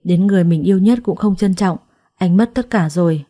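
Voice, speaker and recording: A woman voicing a weary, heartbroken young man who speaks softly and with resignation in a told story. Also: lowish voice, fairly quick, close to an everyday voice. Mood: sad. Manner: soft, sad, resigned.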